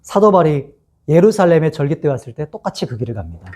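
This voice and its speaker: Animated male pastor preaching. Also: a little high, fast talker. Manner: storytelling with frequent rhetorical questions to listeners. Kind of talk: expository sermon to young adults.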